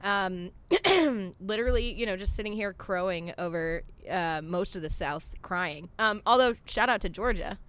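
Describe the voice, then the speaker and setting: Woman, podcast co-host, clear resonant voice, medium pitch, casual, informal, outdoor backyard chat. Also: normal speed, fairly bright tone. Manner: informal, sweary.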